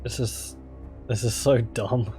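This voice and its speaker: A man's voice: mid-range voice, fairly even intonation, takes it slowly, warm tone, soft background music. A man hosting a casual strategy game playthrough, musing aloud and joking as he plays. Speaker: gaming video host.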